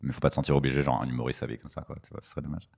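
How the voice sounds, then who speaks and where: A stand-up comic with a remarkably deep, low voice, speaking quickly. He is slangy and relaxed in a casual interview chat, and he rambles from one thought to the next. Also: gravelly. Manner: slangy, laid-back, rambling. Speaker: stand-up comedian.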